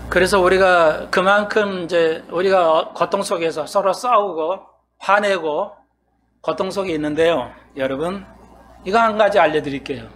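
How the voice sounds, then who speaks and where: High-pitched male pastor, chatty sermon delivery, quizzes the congregation and acts out their objections. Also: normal speed, fairly bright tone. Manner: conversational, asks the congregation questions and acts out their replies. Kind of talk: expository sermon.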